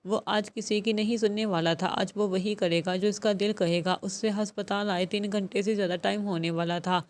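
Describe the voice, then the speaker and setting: A woman narrating a novel aloud in a steady, measured reading voice. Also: mid-range voice. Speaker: novel reader. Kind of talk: scripted audiobook narration.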